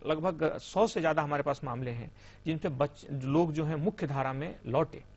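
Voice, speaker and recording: In muffled TV broadcast audio, a young male police officer gives an earnest, formal explanation as a studio interview guest, speaking Hindi sprinkled with English terms. His voice sits a little high, with a darkish tone and normal speed.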